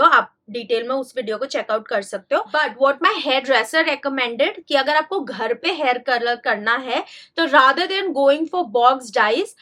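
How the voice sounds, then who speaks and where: A young woman with a high, bright voice talks casually to camera. She mixes Hindi and freely in a chatty vlog manner. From India. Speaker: beauty vlogger.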